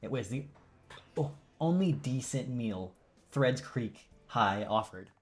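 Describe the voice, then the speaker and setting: A man's voice: mid-range voice, expressive, slow, soft background music. A man streaming himself reading a visual novel aloud, often tripping over words and correcting himself, drowsy and yawning. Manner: stumbles and self-corrects, drowsy.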